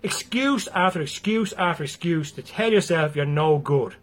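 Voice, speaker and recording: A man's voice: fairly high pitch, lively intonation, normal speed. A man with an Irish accent giving a blunt, freely swearing motivational talk to his viewers. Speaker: motivational speaker.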